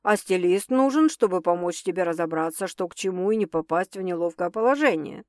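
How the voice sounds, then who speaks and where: Voicing a self-assured, calm rich man, a woman drops slightly below her usual narration pitch and speaks in a measured, mildly condescending manner. The sound is studio quality, without echo.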